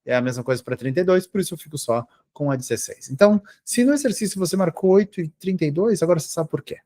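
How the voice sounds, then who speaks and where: A man's voice: a little high, animated, fast talker, warm tone. A man teaching English grammar to Brazilian students, explaining step by step and checking in with the class after almost every phrase. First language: Portuguese. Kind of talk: grammar lesson for exam prep.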